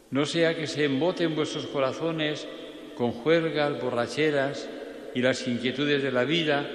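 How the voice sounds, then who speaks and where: Man reading slowly in cathedral echo. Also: a little high, a bit bright. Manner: measured, deliberate, solemn phrasing. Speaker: priest reading the gospel at Mass. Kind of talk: slow, solemn liturgical reading. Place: large church. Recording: echoey church hall, distant mic, faint ambience.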